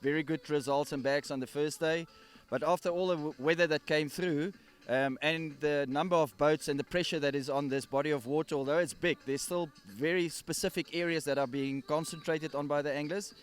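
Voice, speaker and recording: A man's voice: on the high side, fairly even intonation, fairly quick, clean tone. A man, a tournament director, giving earnest interview answers and often restarting and repeating words. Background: faint music.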